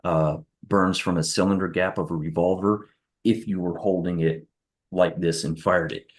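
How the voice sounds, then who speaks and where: Very deep-voiced man testifying in court. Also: fairly even intonation, normal speed. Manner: careful, methodical step-by-step account. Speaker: witness on the stand.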